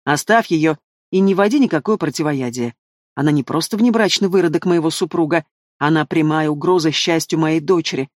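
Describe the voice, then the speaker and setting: A man's voice: fairly high pitch, fairly quick, no room sound, clean studio sound, natural voice. A man reading an audiobook, voicing a spiteful, scornful queen who hisses her threats. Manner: hissing, scornful. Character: spiteful hissing queen, cruel stepmother.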